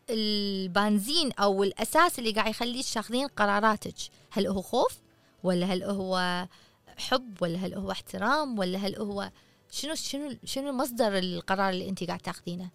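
Fast-talking woman. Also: medium pitch, gravelly, a bit bright. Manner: earnest, coaching, asks listeners questions. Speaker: podcast host. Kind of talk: casual advice talk.

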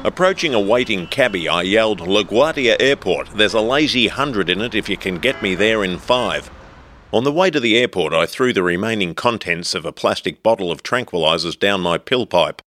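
A man's voice: low-pitched, fairly bright tone. A man narrating a comic hard-boiled detective audiobook in a wisecracking first-person manner.

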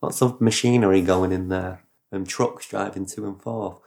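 A man retelling a story in casual podcast chat, animated and rambling, with sound effects. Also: deep voice, moderate pace, vocal fry. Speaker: podcast host.

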